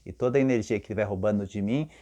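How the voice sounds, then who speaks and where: Lowish-voiced man telling a client story. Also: very fast, mellow. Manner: storytelling, acts out client's words. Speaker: therapist. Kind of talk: casual talk to camera.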